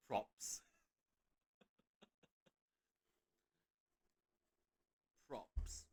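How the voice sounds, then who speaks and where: A man's voice: very slow, pauses often. Playful Malaysian-accented young man streaming. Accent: Malaysian English. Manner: playful, laughs often. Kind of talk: gaming stream commentary.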